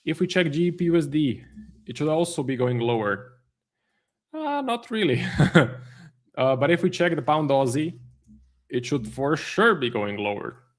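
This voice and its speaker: A man's voice: fairly high pitch, very animated, normal speed, long pauses. A man, a trading stream host giving live market commentary, thinking aloud with many fillers and restarts. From Croatia.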